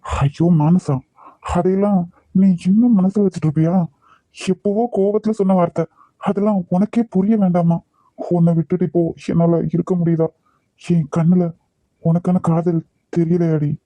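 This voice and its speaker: Man voicing an intense young husband, dark toned. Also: sits high, fairly even intonation, normal speed, no room sound, lo-fi sound, lightly acted. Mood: insistent. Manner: earnest, insistent, emotional.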